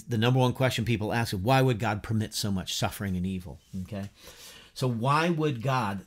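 A middle-aged man teaching a church class from a home study with bookshelves, talking animatedly with many restarts and acted-out bits of dialogue, recorded on a webcam at desk distance. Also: mid-range voice.

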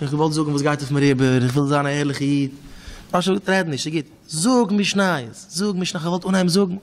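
A man, a rabbi, giving an emphatic religious talk, repeating phrases and swinging between low murmurs and sharp exclamations. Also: big-room sound. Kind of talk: impassioned religious lecture.

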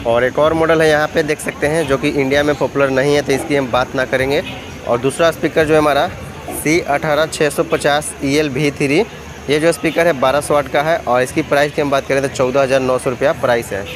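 A man vlogging through an expo hall, listing models and prices in a steady, repetitive way. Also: on the high side, brisk. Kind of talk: walkthrough vlog listing prices. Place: busy indoor trade expo hall. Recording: noisy expo hall phone recording.

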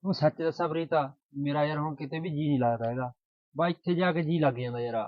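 A man's voice: on the high side, fairly even intonation, quick pace, no echo, close to an everyday voice. A man playing a lovesick young village guy. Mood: grieving. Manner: mournful and pleading, dropping his voice. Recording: tinny phone-like sound.

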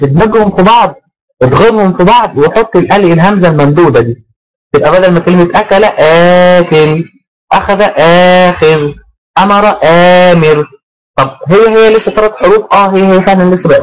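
A man with an Egyptian Arabic accent teaches a grammar lesson at a brisk clip, his voice sitting a little high. He repeats key phrases and throws rhetorical check-in questions at the class. He also voices his pupils' questions before answering them himself. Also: low-quality recording. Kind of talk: online class lecture.

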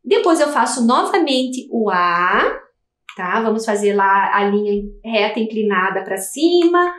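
High lilting Brazilian woman teacher. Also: very animated, unhurried, fairly bright tone, roomy sound. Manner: patient, step-by-step explaining with a lilting voice. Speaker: primary school teacher. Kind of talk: televised lesson for young children.

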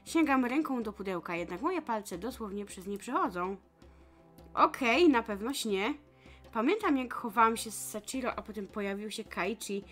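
A young woman reads a visual novel aloud in first person, then bursts into excited, gushing comments with laughter. Her voice is a touch high for a woman and stays lively. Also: moderate pace, soft background music. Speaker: let's play streamer.

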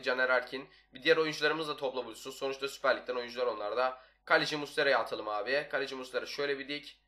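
A young adult man, a YouTuber who hosts gaming videos, keeps up casual, nonstop gameplay commentary into a desktop microphone. His medium-pitched voice is pushed and bright, and he is chatty throughout.

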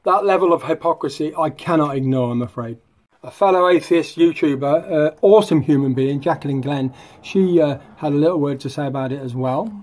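A man's voice: a little high, fairly quick, darkish tone. A man hosting a casual vlog, talking in a mocking, sardonic way. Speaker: YouTube host.

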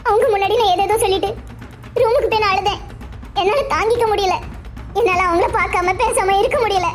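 A woman's voice: very high voice, fast talker, soft background music. Woman doing tearful young Sakthi. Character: young woman, torn and tearful over love. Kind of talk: Tamil cartoon dub.

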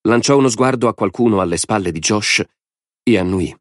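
Deep-voiced male audiobook narrator. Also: moderate pace, no room sound, studio quality. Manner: dramatic, expressive storytelling.

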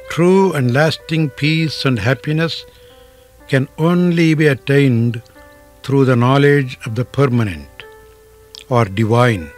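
A yoga teacher with a mid-range voice narrates a guided relaxation. He speaks in measured, deliberate phrases and pauses often.

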